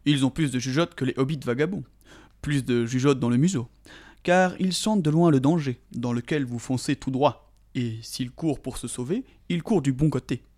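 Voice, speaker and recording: A man voicing a cheerful old forest spirit who talks in a brisk, lively way. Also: mid-range voice, natural voice.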